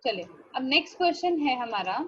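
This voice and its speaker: Female online maths teacher, North Indian accent, high pitch, explains step by step and asks check questions, muffled lo-fi call sound. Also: big pitch swings, racing, breathy edge. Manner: instructive, frequently checking understanding with questions. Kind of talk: online class lesson, mixing Hindi and English. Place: live online class call. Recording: dull lo-fi online class audio.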